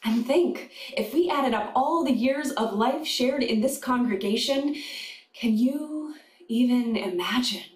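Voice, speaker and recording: A woman chaplain delivering a sermon to a congregation, slow and deliberate with pauses. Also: fairly high pitch, expressive. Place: congregation sanctuary. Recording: echoey room.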